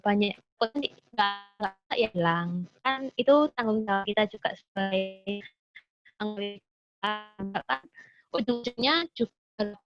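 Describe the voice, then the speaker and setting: A woman's voice: medium pitch, muffled recording, faint music behind. Woman on a glitching, choppy call. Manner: halting, fragmented speech full of hesitations. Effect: choppy, breaking-up video call audio. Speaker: student organization member at a campus meeting. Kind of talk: online meeting question. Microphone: video call.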